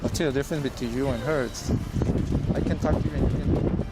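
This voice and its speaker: A man's voice: mid-range voice, fast. A male police officer explaining things outdoors at a traffic stop in a firm, plain-spoken, repetitive way. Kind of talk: explaining to people at a roadside stop. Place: outdoors at a roadside by cars. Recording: loud outdoor traffic noise.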